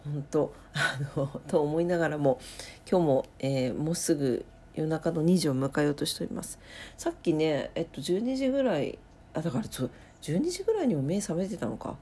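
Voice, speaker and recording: A woman hosting her own late-night talk show from home, rambling and thinking aloud with many pauses. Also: sits low, animated, mellow, breathy edge. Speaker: podcast host. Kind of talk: casual late-night solo chat.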